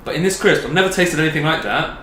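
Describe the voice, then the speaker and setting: A man's voice: on the high side, quick pace, bright, forceful tone. A man chatting casually as a panellist on a snack review. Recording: echoey room, off mic, background noise.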